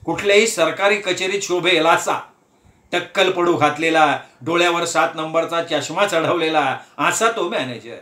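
Bright, lively male storyteller. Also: on the high side, moderate pace, echoey room. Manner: lively, expressive narration. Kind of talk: humorous story reading.

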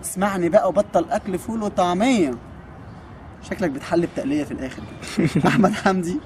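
A man's voice: high-pitched, a little mellow, slight background noise. A man in his twenties with an Egyptian accent, a kung fu coach answering viewer questions in a joking, teasing way. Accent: Egyptian Arabic. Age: 20s. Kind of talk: casual Q&A.

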